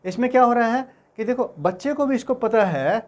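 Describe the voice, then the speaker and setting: High-voiced friendly Hindi physics teacher. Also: male voice, expressive, brisk, a little mellow. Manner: friendly, addresses students as beta, asks for confirmation often. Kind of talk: Hindi physics lecture to students.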